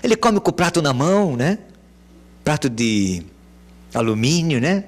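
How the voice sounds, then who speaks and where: Animated pastor preaching, wide pitch swings. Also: male voice, unhurried. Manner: animated, swings from hushed to loud calls. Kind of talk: sermon. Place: church.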